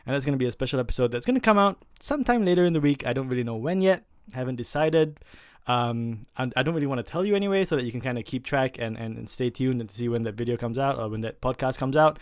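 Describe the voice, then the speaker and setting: A man hosts a casual podcast. His voice is smooth and resonant and sounds dry, with no room echo. He rambles, with plenty of fillers and restarts. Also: mid-range voice, lively intonation, quick pace, hardly any pauses. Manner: rambling, with many fillers and self-corrections. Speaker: podcast host.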